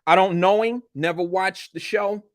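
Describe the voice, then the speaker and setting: Retainer in his mouth, a man runs a casual livestream, talking to viewers in coarse, slangy, straight-talking chat. His voice is fairly high and his pace moderate. The audio is dry with almost no room tone.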